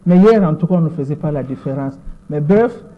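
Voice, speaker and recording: A Congolese woman in her sixties, a lawyer from the Democratic Republic of the Congo, responds to an interviewer in French with a Congolese accent, speaking in a measured way and repeating words as she hunts for them. Her voice is deep and expressive, though the sound is thin and boxy like a phone line.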